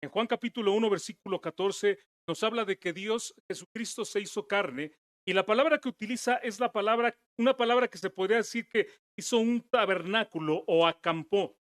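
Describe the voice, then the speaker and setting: A man preaching a sermon as pastor, earnest, dropping his voice low and soft and then rising to emphatic declarations. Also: a little fast, dry recording, studio quality. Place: church.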